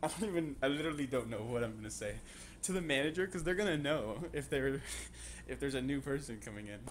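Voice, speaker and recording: A man's voice: medium pitch, animated, fast, slight background noise. A man chatting casually and off the cuff as a prank caller. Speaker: prank caller and video host. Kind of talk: casual improvised chat.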